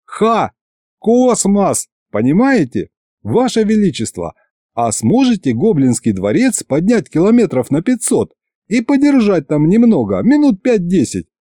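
A man voicing an eager, quick-witted young hero in an audiobook, talking in a raised, animated way. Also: high-pitched, dry recording, clean studio sound, voice pushed up, full character voice. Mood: excited. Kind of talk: audiobook character voice.

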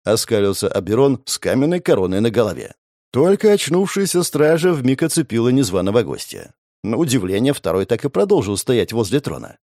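Expressive male audiobook narrator. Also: medium pitch, brisk, dry recording, clean studio sound. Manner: animated, expressive storytelling. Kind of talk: scripted first-person fantasy narration.

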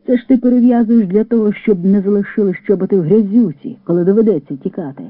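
A jesting partisan fighter with a light, teasing way of talking, as a male reader voices him. His voice sits a little high and sounds close and dry. It comes through a thin, tinny radio recording. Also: fast, no room sound. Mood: joking. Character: joking Latvian partisan man, Oswald.

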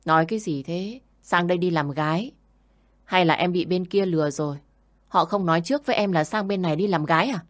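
A woman's voice: fairly low pitch, brisk, lightly acted. A woman voicing a blunt, weary brothel madam.

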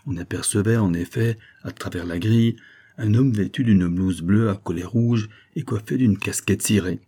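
A man narrating a classic novel as an audiobook, in a measured storytelling manner. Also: lowish voice, mellow. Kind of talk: scripted narration.

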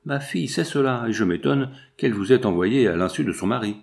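A man's voice: mid-range voice, animated, fairly quick, creaky, darkish tone. A man reading the lines of a proud, vindictive woman of sixty in a novel, indignant and cold.

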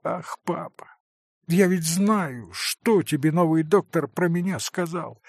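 A man reading aloud, voicing a gravely ill young boy who speaks softly and breathily. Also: a little high, slow pace, no echo, studio quality, pitched above the performer's own voice, heavily acted. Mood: pleading tearful.

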